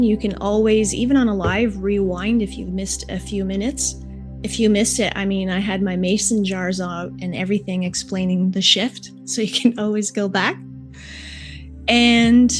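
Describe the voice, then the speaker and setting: A woman hosts a live session in casual, chatty talk. Her voice sits at a medium pitch, and she addresses her viewers in an animated, informal way. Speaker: live stream meditation host.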